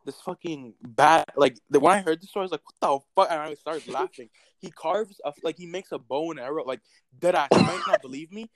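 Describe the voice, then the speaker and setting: A young man in casual chat, telling animated stories and swearing constantly. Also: fairly high pitch, fairly quick, no echo. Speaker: podcast co-host.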